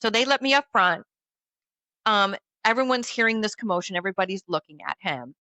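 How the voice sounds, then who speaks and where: A woman telling a dramatic personal story in casual chat, animated and acting out the voices of others. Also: mid-range voice, brisk, no echo. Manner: animated, acts out quoted voices.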